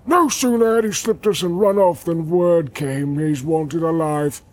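A man voicing a big, hot-tempered male orc soldier who blusters and barks threats in a gravelly voice. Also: fairly high pitch, voice pushed up, lightly acted. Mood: gruff, bragging. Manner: blustering, quick to shout threats.

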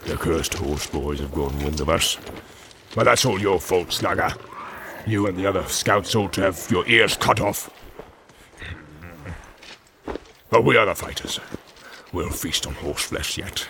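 A man's voice: low-pitched, lively intonation, moderate pace, gravelly, background noise, voice pushed down. A man voicing a brutal, bossy male orc captain who barks and mocks. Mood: growling. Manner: barking, mocking, commanding.

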